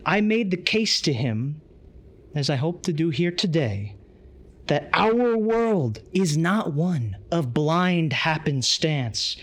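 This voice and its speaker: A man's voice: a little high, expressive, slow pace. A man giving an earnest, emphatic conference lecture, reading from a tablet.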